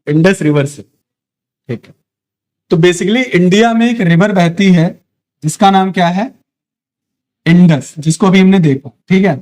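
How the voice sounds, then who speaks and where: A young male teacher with a high voice, lecturing a class. He keeps asking questions and answering them himself, checking in often to make sure his students follow. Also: a little slow, long pauses, darkish tone.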